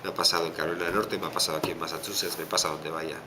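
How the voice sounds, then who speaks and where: A man from the Basque Country with a Basque Spanish accent, answering interview questions thoughtfully with many pauses and fillers. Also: deep voice, flat delivery. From Basque Country, Spain. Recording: background noise.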